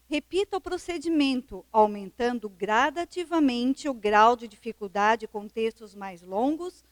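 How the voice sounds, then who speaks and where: A woman reads a short instructional text aloud to a seminar audience. Her voice is a little high. The sound is dry and close. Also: dry recording. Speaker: volunteer reader at a seminar.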